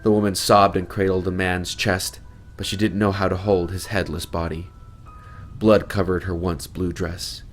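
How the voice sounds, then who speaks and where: A man's voice: low-pitched, level tone, normal speed, soft background music. A man reading his own fantasy novel aloud in a dramatic narration style. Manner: dramatic, swelling on violent moments. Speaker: author narrator.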